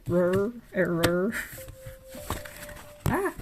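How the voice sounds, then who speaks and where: In a low-quality recording over background game music, a young woman tours her old sketchbooks for her art vlog. Her fairly low voice swings widely in pitch, and she speaks extremely slowly. She comes across as soft-spoken and hesitant, filling gaps with fillers as she tires.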